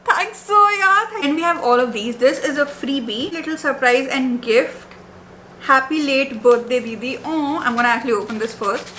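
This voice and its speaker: A woman's voice: high voice, moderate pace, pushed and bright, slight background noise. A woman, gushing and emotional as she unboxes gifts in a casual vlog. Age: 20s. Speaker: book vlogger.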